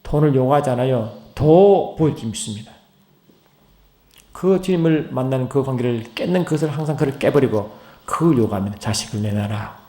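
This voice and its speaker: A middle-aged man preaching a sermon as pastor. He swings between loud, high, rising calls and low, hushed asides, and keeps asking the congregation questions. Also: lively intonation, fairly quick. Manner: asks the congregation many questions. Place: church sanctuary. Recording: roomy church echo.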